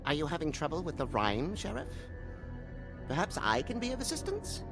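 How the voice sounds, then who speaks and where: A man's voice: fairly high pitch, very animated, normal speed, music in the background. A man voicing a courtly, eager little magical creature in a video game, speaking with formal, theatrical flourish. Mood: courteous, theatrical. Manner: theatrical, formal rhyming recital.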